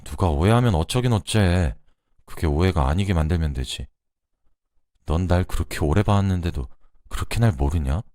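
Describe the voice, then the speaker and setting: A reserved middle-aged man speaks in short, blunt phrases, very low and quiet, as a man plays him in a radio drama. The tone stays gentle under the gruffness, and the recording is close and dry. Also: lively intonation, normal speed, no room sound. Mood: tender. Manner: blunt, curt, low-key.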